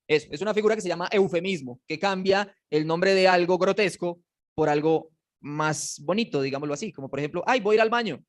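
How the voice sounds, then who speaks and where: A man teaching a casual Bible class, animated and joking, and putting questions to his students. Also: high voice. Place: classroom with slides.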